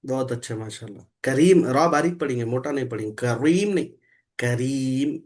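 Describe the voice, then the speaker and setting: A man's voice: medium pitch, fast talker, darkish tone, breathy edge. Male Quran teacher, online class, patient and methodical, asks and repeats questions. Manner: patient, explains rules step by step and quizzes the student. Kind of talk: online Quran recitation lesson.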